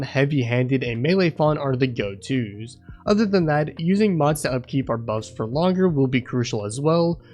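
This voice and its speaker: A man reading a scripted voice-over walkthrough in a steady, explanatory way. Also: on the high side. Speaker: video game guide creator.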